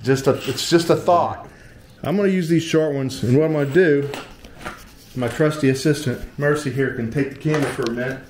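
Talking a little fast in a slightly high, darkish voice, this American man in his fifties hosts a DIY vlog from a small indoor living room with tile. He jokes around and muses aloud in folksy fashion as he shows his work. The handheld action camera moves in and out, and the room echoes, with background noise clearly audible.

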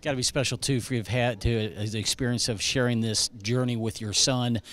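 Brisk male sports interviewer. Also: mid-range voice, steady tone, a bit bright. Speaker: sideline interviewer. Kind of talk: post-game interview questions.

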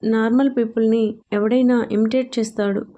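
A mischievous young woman teases her sweetheart in an audio love story, read by a woman narrator. The voice sits a little high, soft and mellow, chatty and playful throughout. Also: fairly even intonation, normal speed, lo-fi sound, close to an everyday voice. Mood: teasing. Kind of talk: storybook audio drama reading.

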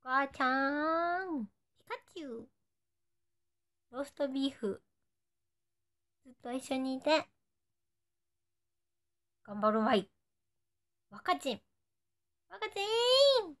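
Taking her time with long pauses, a playful young woman with a Nagoya accent chats with fans on a live stream and says short cutesy phrases for them. Her voice sits high and sounds a bit bright.

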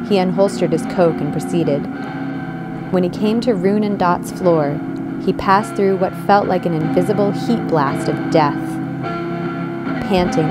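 Female audiobook narrator, lowish, measured storytelling. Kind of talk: scripted narration.

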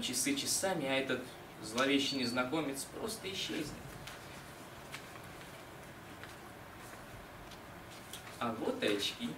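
A young man playing a dreamy, lovelorn, modest scholar in an expressive, dramatic declamation of a stage monologue, with deliberate pauses. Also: on the high side, close to an everyday voice. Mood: musing, bemused. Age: young adult. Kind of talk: dramatic declamation, theatrical literary monologue recitation. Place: small indoor concert hall stage. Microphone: far camera. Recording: roomy, distant mic, noisy hall.

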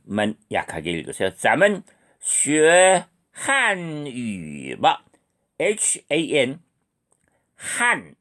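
Middle-aged male teacher, slow and deliberate, voice swoops up and down while drilling beginners. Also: mid-range voice. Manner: models each sound slowly, then explains. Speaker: Chinese language teacher. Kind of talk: slow beginner language lesson.

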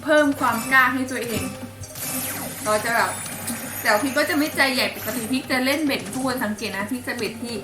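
A woman's voice: high-pitched, brisk, echoey room, distant mic, music in the background, low-quality recording. A woman with an Isan accent chatting to viewers as she plays an online slot game, giggly and coaxing the game aloud. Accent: Isan (Northeast Thai). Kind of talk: casual chat to viewers while playing.

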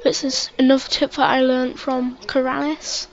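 A woman's voice: high voice, little pitch movement, normal speed, vocal fry. A woman giving casual, stammering narration of a let's play, repeating words and chatting to the game as she plays. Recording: dull lo-fi mic with faint hiss.

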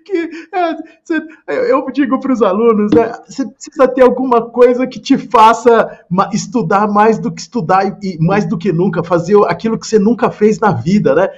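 A man with a fairly high voice hosts a live online interview, chatty and encouraging as he teases his guest. The audio sounds muffled and lo-fi. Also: normal speed, hardly any pauses. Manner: chatty, encouraging, teasing questions. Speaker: host, exam-prep teacher.

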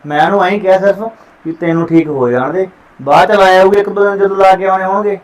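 Actor as a young farmer son, quick, defensive then reassuring, slightly high voice. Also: male voice, steady tone, natural voice. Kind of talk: village family short-film acting.

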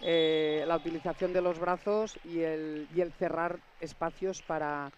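A woman breaks down a basketball game as the color commentator. Her analysis is thoughtful but halting, full of fillers as she works through each point. There is faint noise behind her voice. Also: low voice, steady tone, a little mellow, dull audio.

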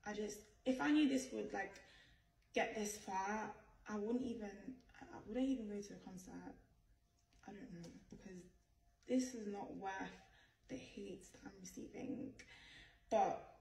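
Creaky young woman, defensive and emphatic. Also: medium pitch, unhurried, a crowd in the background. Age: young adult. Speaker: person telling her side of a viral story. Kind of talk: casual apology vlog, storytime to camera. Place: small bright indoor room. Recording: roomy echo, distant mic, faint noise.

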